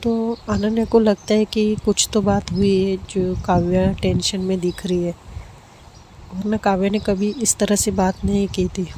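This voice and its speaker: A woman's voice: mid-range voice, level tone, measured pace, dark tone, a little hiss or hum. A woman telling a love story in a plain, repetitive narrating manner.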